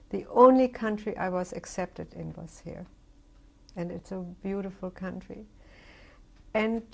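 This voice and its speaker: An older woman with a gravelly, slightly rough voice speaks in a reflective, halting way, often restarting her sentences. She gives her oral history testimony in an interview. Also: mid-range voice. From Germany. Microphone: interview recording.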